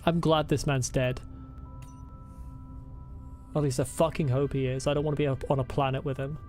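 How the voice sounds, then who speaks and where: A woman's voice: rumbling low, steady tone, moderate pace, a little mellow. Female gamer: casual playthrough commentary, blunt and incredulous, repetitive emphasis, faint game music. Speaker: video game streamer.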